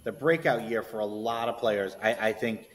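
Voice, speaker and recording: A man's voice: on the low side, normal speed, big-room sound, a little hiss or hum. A man co-hosting a sports radio show, chatting casually and rambling with many false starts and the odd swear word.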